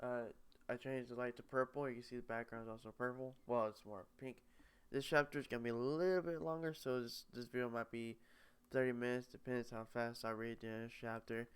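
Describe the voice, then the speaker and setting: A man's voice: mid-range voice, little pitch movement, brisk, clear, resonant tone, dry recording. A young man casually reading a novel aloud, often stumbling over words and correcting himself. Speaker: reader.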